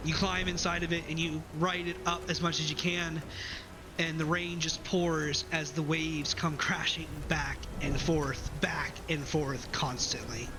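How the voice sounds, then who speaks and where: A man narrating as game master of a tabletop game, calm and descriptive. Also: fairly high pitch, a little slow, noisy background.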